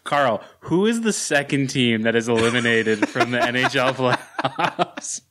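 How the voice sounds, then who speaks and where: A man's voice: mid-range voice, lively intonation, moderate pace, a bit bright. Blunt, joking male podcast co-host. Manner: blunt and sarcastic, laughs often. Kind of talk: casual sports chat.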